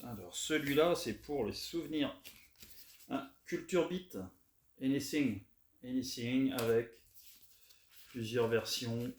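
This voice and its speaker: Man, casual chat, relaxed, hesitant fillers, roomy echo, faint hiss. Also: mid-range voice, slow, long pauses. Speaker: record collector showing his finds.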